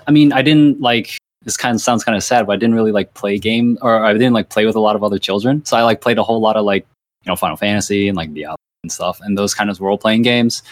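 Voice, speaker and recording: Speaking quickly in a low voice, a Thai-speaking-native lecturer from Virginia, USA, answers interview questions casually and at length, restarting often and using many fillers. The recording is dry and studio quality.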